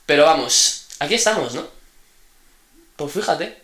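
A young man with a Spanish accent from Spain, co-hosting a homemade podcast in casual, animated chat. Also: on the high side, roomy sound. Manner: fast, animated storytelling. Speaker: podcast co-host. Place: home room. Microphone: cheap desk mic.

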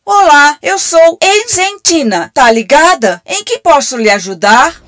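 Woman playing a high-pitched, breezy female AI phone assistant. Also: lively intonation, a little slow, a bit bright, dry recording, studio quality. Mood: breezy, unhelpful. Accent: Brazilian. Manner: breezy, slangy, scripted assistant patter. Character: slangy, cheeky female AI telemarketing assistant. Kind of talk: radio comedy sketch acting.

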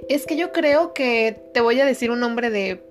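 Chatty Mexican woman, high voice. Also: lively intonation, measured pace, music in the background. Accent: Mexican Spanish. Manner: chatty, swears freely, acts out dialogue. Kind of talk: casual gossip chat.

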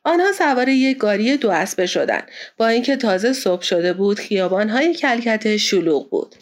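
A woman narrating an audiobook in a steady storytelling manner. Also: medium pitch.

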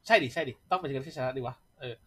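A man's voice: medium pitch, rapid-fire, a bit bright, husky. A young man hosting a casual post-match chat about an esports game, bantering rowdily with crude words and laughing often. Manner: rowdy, profane banter with frequent laughter. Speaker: shoutcaster host.

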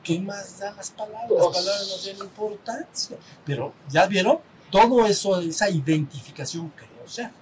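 Mexican teacher with a higher voice. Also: male voice, moderate pace, few pauses, crowd noise, poor audio. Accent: Mexican Spanish. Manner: conversational, asks the group for assent, acts out little dialogues. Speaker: spiritual teacher. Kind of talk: teaching a small group. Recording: faint rumble behind.

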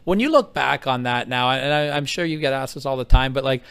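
A man's voice: medium pitch, a little fast, gravelly, fairly bright tone, smooth, no room sound. A man interviewing a guest in a casual, enthusiastic, fan-like way.

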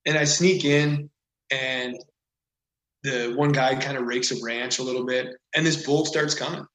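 A man's voice: medium pitch, unhurried, slight background noise. A man as a podcast guest, telling a story casually and animatedly, with lots of "like" and "whatever.". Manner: animated, rambling with frequent "like" and "whatever". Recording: echoey room.

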